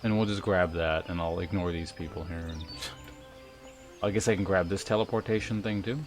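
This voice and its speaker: Over game music, a male streamer gives loose, rambling gameplay commentary and reads out chat messages, full of dry sarcasm and casual profanity. He speaks in a deep voice with fairly even intonation at a moderate pace.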